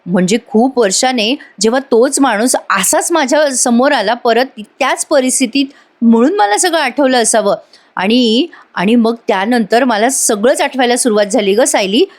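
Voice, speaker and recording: A woman reading the lines of a gentle older aunt from a serial in a soft, musing way. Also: on the high side, lively intonation, moderate pace, lightly acted.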